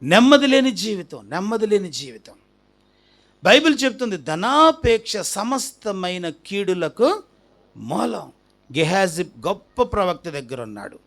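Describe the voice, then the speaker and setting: Male pastor, high voice, emphatic repetitive sermon delivery with storytelling. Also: a bit bright. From India. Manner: repeats key phrases with rising emphasis, asks the congregation questions; acts out a little story with quoted dialogue.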